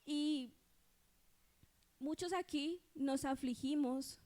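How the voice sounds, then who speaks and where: A woman with a Colombian accent speaks in a high voice during a church sermon. She tells her testimony in an earnest, conversational way, often pausing to ask whether listeners follow. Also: darkish tone.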